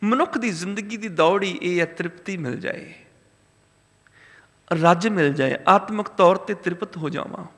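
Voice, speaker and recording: Brief: male preacher, bright and forceful tone, intoning scripture and driving home each point with repetition. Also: sits high, in a large hall. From Punjab, India. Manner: chants scripture lines slowly, emphatic repetition. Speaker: Sikh preacher. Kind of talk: religious discourse.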